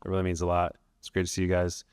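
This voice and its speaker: A man's voice: low-pitched, monotone, racing, darkish tone, smooth, no room sound, studio quality. A man in the audience politely asking the panel a sincere question, a little hesitant.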